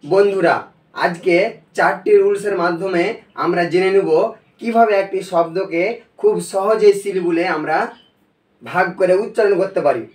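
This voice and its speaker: A man teaching a recorded video lesson, explaining step by step in a slow, patient way. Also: sits high. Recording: echoey room, voice from a distance.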